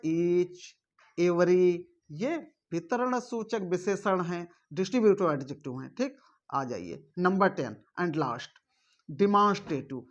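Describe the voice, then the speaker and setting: In an online grammar class, a teacher with a mid-range voice uses English grammar terms and keeps quizzing students with rhetorical questions. Frequent "theek hai" check-ins punctuate the lesson, and the audio's high frequencies are cut off.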